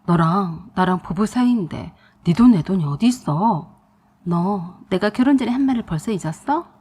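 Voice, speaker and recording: A smug, selfish husband played by a woman narrator, coaxing and self-satisfied in a storybook tale. The voice is pushed lower than her own and stays a little husky. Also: animated, moderate pace, dark tone. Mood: defensive. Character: smug selfish husband, young adult man.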